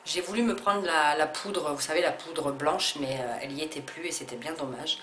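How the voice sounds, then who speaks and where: A low-pitched woman talks through a beauty haul in a casual, hesitant way, full of fillers and restarts. Her voice rings in an echoey room with a faint hum of ambience behind it. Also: normal speed, a bit bright. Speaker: beauty vlogger.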